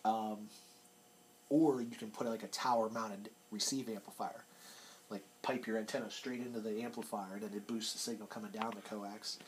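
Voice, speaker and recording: His voice runs on the low side, steady and at a moderate pace, as he casually demonstrates radio equipment and now and then trails off. The hobbyist is in a cluttered indoor workshop, captured by an off-screen handheld camera in a noisy room.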